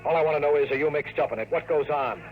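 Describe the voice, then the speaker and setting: An actor plays a wisecracking, world-weary private investigator, narrating in hardboiled 1950s radio drama style with a fairly high, racing, narrow, natural voice. He sounds pressing and wry, sardonic and slangy. The tinny audio is an old radio broadcast with music.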